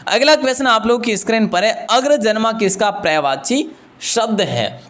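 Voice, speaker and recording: Chatty high-voiced Hindi teacher. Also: male voice, expressive, normal speed, a bit bright. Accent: Rajasthani Hindi. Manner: chatty and joking, often addresses students as friends. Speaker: Hindi exam-prep teacher. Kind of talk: live online exam-prep class.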